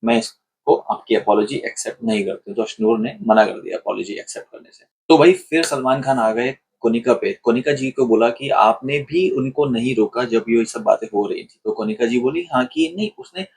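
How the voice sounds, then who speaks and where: A man reviewing a television show in casual commentary, retelling events in an animated way and acting out what people said. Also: mid-range voice, moderate pace, creaky, slightly rough. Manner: animated retelling, acts out quoted lines.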